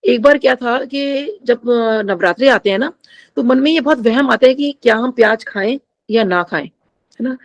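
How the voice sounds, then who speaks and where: A woman's voice: a little high, moderate pace. Middle-aged woman giving a spiritual testimony. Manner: addresses the congregation often, mixes English phrases into Hindi. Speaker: devotee sharing a testimony.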